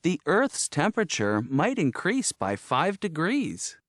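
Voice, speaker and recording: A speaker on a textbook recording reading example sentences with clear enunciation. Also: mid-range voice, huge pitch swings, takes it slowly, dry recording, studio quality.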